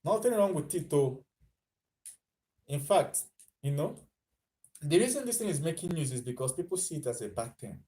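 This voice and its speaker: Pausing often at a moderate pace, a Nigerian vlogger talks in a slightly high, mellow voice that is very animated. He keeps his commentary casual and chatty, mixes in Pidgin, and chuckles at what he says.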